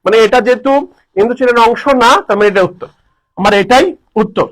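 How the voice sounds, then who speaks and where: Fast, high-voiced Bangla coaching teacher. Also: male voice, poor audio. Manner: energetic, repeats answers, quizzes students. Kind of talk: live online lesson.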